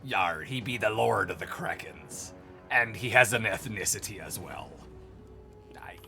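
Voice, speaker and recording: A man putting on a gruff pirate. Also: fairly low pitch, sharp tone, faint music behind, voice pushed down, exaggerated voice. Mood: playful. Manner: growling pirate talk with drawn-out words. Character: hearty male pirate sailor.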